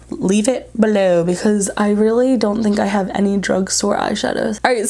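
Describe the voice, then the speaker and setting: A woman's voice: fairly high pitch, a little mellow. Breathless woman doing a casual makeup review. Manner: informal, blunt, jokey asides. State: breathless, congested from spring allergies. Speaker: beauty vlogger reviewing makeup. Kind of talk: casual chat to camera while applying makeup.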